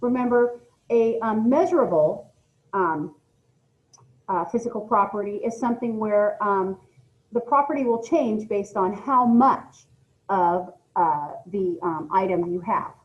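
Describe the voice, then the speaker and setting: A woman reads a science lesson aloud as a schoolteacher, instructional and emphatic, often putting questions to her young listeners. She has a medium-pitched voice and speaks a little slowly, and the lo-fi audio sounds dull.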